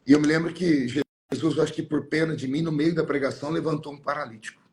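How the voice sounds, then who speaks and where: A middle-aged man, a pastor, telling a personal story in conversation, reflective and sometimes pausing to search for words. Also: on the high side, fairly even intonation, darkish tone, slight background noise.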